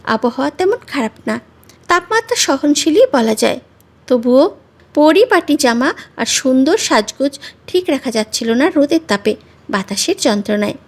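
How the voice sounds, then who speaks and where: A woman storyteller giving expressive, measured narration of a romantic story. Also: high-pitched.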